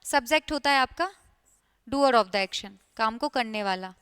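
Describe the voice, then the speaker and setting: A woman with a high, bright voice leads an exam-prep class at an unhurried pace. Her delivery is crisp and lively, and she repeats key points often while regularly checking in with her students.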